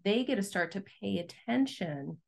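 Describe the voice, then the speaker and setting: A woman's voice: mid-range voice, lively intonation, normal speed, vocal fry, a little mellow. A woman hosting a conversational interview, affirming her guest and adding her own thoughts. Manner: affirming, frequent murmured backchannels. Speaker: host.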